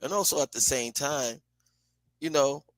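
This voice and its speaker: A man's voice: mid-range voice, unhurried, rough recording. A middle-aged man in casual conversation, speaking emphatically and repeating his key phrases as an interview guest. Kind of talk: casual chat.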